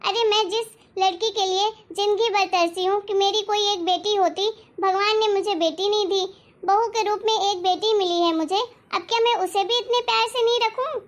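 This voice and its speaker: A woman's voice: extremely high pitch, fairly even intonation, moderate pace. A woman voicing a loving elderly mother-in-law in a family cartoon story, scolding fondly and insisting firmly. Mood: firm defending.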